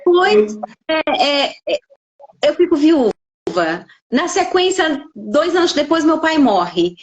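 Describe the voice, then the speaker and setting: A middle-aged woman with a Brazilian Portuguese accent tells her stories with feeling. She acts out the dialogue she quotes. Her voice sits fairly high. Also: big pitch swings, slow, lo-fi sound. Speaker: podcast guest, life coach. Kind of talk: casual conversation.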